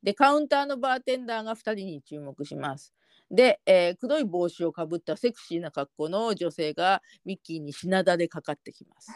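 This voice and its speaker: Lively-voiced woman chatting and laughing. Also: on the low side, normal speed, no echo, studio quality. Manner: laughs often, chatty and explanatory. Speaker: podcast co-host. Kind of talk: casual chat about a TV show.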